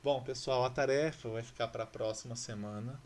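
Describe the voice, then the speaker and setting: A man's voice: medium pitch, steady tone, normal speed. A male teacher from Brazil talking through exercises in a recorded lesson, patiently explaining and asking rhetorical questions.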